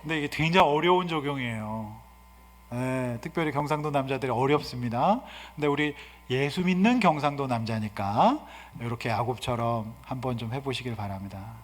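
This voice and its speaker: A male guest pastor giving an animated, humorous sermon and asking the congregation questions. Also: medium pitch, moderate pace. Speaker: guest pastor and seminar speaker. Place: church sanctuary. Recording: reverberant church hall.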